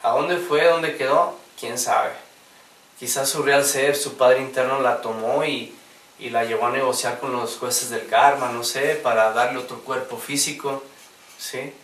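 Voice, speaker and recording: A man's voice: medium pitch, fairly even intonation, unhurried, a bit bright, recorded from a distance. Man telling spiritual stories in a roomy space. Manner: anecdotal, laughs at own stories, acts out quotes. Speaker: gnostic instructor. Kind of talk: spiritual lecture with storytelling. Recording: roomy sound, voice from off mic.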